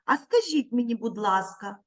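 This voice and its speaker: A woman teaching young children in an online lesson over a video call, speaking slowly and clearly and encouraging them. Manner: slow, clear, encouraging teacher talk with lively pitch. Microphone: computer mic on a video call.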